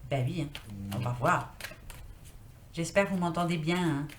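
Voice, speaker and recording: A woman's voice: low-pitched, moderate pace. A woman casually talking through a tarot card reading, rambling and thinking aloud with lots of fillers. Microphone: built-in computer mic. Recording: echoey room, faint noise.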